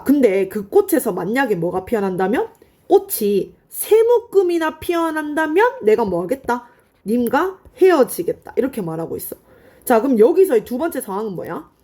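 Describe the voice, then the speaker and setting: A woman teaching high school literature in an online lecture, explaining in a friendly, chatty way and answering her own questions. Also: dark tone, slightly rough. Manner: asks students questions and answers them herself.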